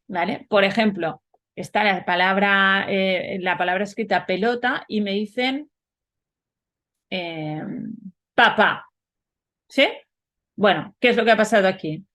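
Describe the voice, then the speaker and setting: Woman lecturing in a webinar. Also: medium pitch. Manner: explanatory, frequent rhetorical questions and "¿vale?" checks. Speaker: teacher.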